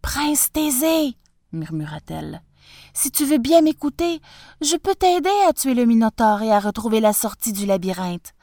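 A woman voicing a devoted young princess, soft and pleading. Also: fairly high pitch, sing-song, moderate pace, no room sound, studio quality.

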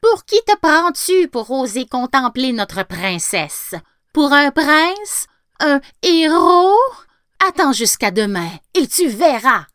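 A woman voicing a menacing bald male jack-in-the-box in a storybook reading, shouting taunts. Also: big pitch swings, slow pace, no room sound, clean studio sound, full character voice. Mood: taunting. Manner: shrill jeering shouts.

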